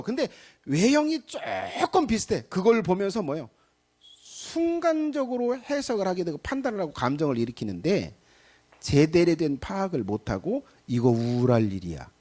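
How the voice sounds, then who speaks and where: A man's voice: sits high, darkish tone. A middle-aged man preaching a Sunday evening sermon as pastor, talking in a conversational way and acting out little everyday scenes. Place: church sanctuary.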